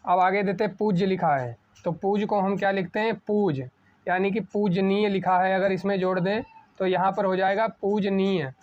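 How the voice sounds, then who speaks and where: A man teaching an exam-prep spelling lesson at a board, asking a question and answering it himself, slowing down on each correct word. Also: high voice, fairly even intonation, a little mellow. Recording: dull lo-fi sound.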